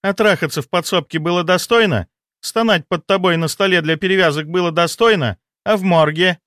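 A man voicing a jealous, desperate female doctor in an audiobook, pleading and shrill. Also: a little fast, a bit bright, dry recording, clean studio sound. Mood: angry. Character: jealous, hysterical female doctor, young adult.

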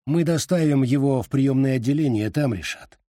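A man voicing a tired ambulance doctor giving brisk, businesslike instructions. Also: medium pitch, warm tone, no echo, studio quality, lightly acted. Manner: brisk commands.

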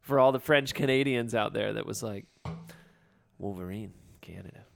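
A man's voice: medium pitch, brisk, creaky, no room sound, clean studio sound. A man in his thirties co-hosting a casual chat, joking and rambling with mock emotion. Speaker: podcast co-host.

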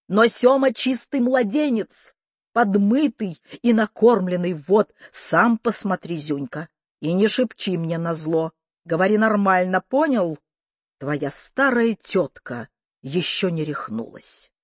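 A reader voicing a deaf, suspicious old woman who shouts everything, in a dull lo-fi audiobook recording. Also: big pitch swings, takes it slowly, slightly rough, dry recording, exaggerated voice. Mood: insistent. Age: older. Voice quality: shouting, shrill. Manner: loud and insistent.

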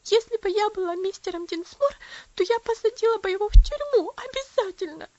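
A woman voicing a young girl who talks loud and tearful in an audiobook story. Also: extremely high pitch, normal speed, voice pushed up. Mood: sobbing outrage. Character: sobbing excitable young girl. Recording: dull lo-fi audio.

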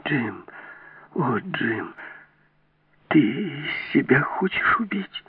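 A man's voice: mid-range voice, big pitch swings, drawn-out words, breathy edge, no room sound, pitched above the performer's own voice, full character voice. A man voicing a frightened young woman in an audiobook, speaking in a breathless, pleading whisper. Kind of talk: audiobook role reading. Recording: tinny dry lo-fi audio.

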